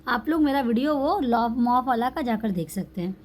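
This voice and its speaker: A woman teaching an online language lesson, explaining patiently and spelling out letters slowly. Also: on the high side, animated, a little mellow, a little hiss or hum.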